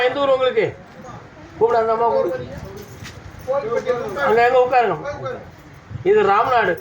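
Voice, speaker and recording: Man, southern Tamil accent, temple oracle, high voice, commanding, scolding, dull recording. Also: a bit bright. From Tamil Nadu. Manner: commanding, scolding, calls devotees "da". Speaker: temple oracle speaking as the deity. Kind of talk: trance oracle addressing devotees. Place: village temple. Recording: dull audio with faint background noise.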